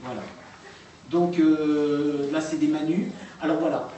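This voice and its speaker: A man giving a public talk and playing recordings, speaking haltingly with many fillers and restarts. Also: fairly high pitch, steady tone, warm tone, a little hiss or hum. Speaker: lecturer. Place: lecture room. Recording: echoey hall recorded from far off.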